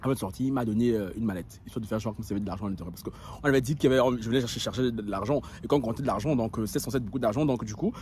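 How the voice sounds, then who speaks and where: A man's voice: medium pitch, rapid-fire, few pauses, slight background noise. A young man with an Ivorian French accent telling a confessional story, laughing and mocking himself. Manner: animated, laughing, self-mocking. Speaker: gossip vlogger.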